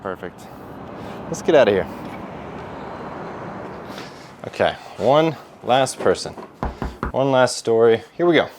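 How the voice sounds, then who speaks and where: A man speaking gently and encouragingly to his talking speaker friend, outdoors in a city with music behind. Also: mid-range voice, sing-song, moderate pace, background noise. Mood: upbeat. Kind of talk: scripted short-film acting.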